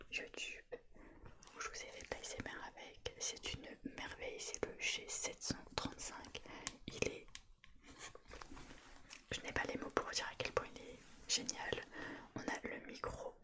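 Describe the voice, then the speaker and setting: A woman softly whispering right in your ear in a casual ASMR show-and-tell, with a gushing, enthusiastic manner. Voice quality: soft, unvoiced whisper. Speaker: ASMR YouTuber.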